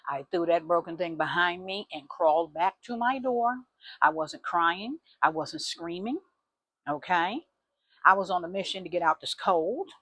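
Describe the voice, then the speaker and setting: A middle-aged woman telling a family story in a casual, animated way, with many fillers and asides. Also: on the low side, a little slow, no room sound. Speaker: vlogger.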